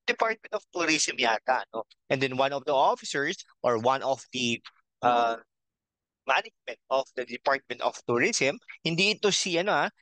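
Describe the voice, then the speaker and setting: Hosting his own casual political vlog, this middle-aged Filipino-accented man rambles slowly, stumbling over fillers, now and then clearing his throat, and ending almost every phrase with a questioning "no?". His voice sits mid-range and is slightly bright, captured in a dry, close-miked recording of poor quality.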